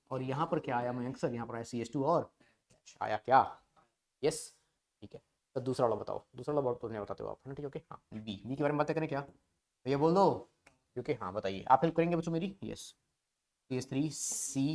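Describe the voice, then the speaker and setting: A man's voice: mid-range voice, a little mellow. A male chemistry teacher giving an online class in a playful, coaxing way, asking students questions and then answering them himself. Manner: playful, coaxing call-and-response.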